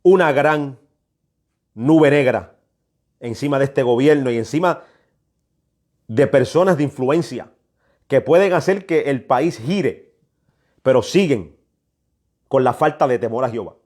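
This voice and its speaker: A man from New York, United States, gives an emphatic, admonishing prophetic sermon, often repeating himself for emphasis. His medium-pitched, darkish voice is a little slow, with frequent pauses.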